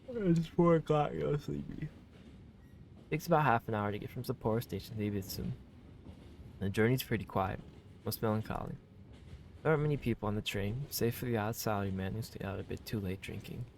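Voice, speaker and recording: Against slight background noise, a man with a mid-range, slightly mellow voice plays a visual novel for a let's play. The streamer reads the text aloud and responds casually, slangy and effusive, with swearing mixed in.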